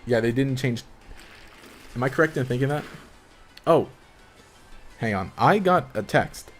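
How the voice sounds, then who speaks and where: A man's voice: medium pitch, expressive, a little slow, soft background music. A man casually commenting on his own gameplay during a live stream, rambling, laughing often and trailing off mid-sentence.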